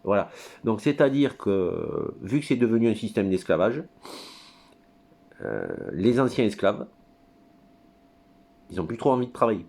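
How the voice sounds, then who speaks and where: A man's voice: on the low side, sing-song, unhurried, vocal fry, pauses often, a little mellow. A man giving a rambling, crude monologue at his computer, full of hesitations and digressions. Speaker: commentator.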